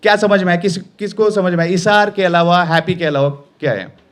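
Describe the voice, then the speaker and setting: Male workshop trainer, high voice, emphatic and playful delivery. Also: a little fast. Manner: animated, emphatic, playful teaching. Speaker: voice-over trainer. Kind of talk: live workshop lesson.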